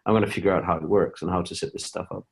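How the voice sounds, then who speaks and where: Halting Danish-born man, low voice. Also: fairly even intonation, vocal fry. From Denmark. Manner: halting, many restarts and fillers. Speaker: guest, company founder. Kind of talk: casual interview talk.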